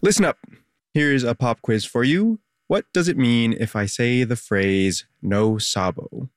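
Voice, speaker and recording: A man reporting a public radio news feature in a lively, conversational way, quizzing the listener. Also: medium pitch, a little slow, dry recording, studio quality.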